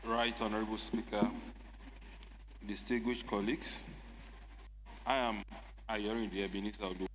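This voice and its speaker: A man with a Nigerian accent addresses a legislative chamber in a measured, emphatic formal style. His voice carries the long echo of a large hall. A faint hum of noise sits behind it. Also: on the low side, flat delivery, fairly bright tone. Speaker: state lawmaker. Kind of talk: formal parliamentary speech.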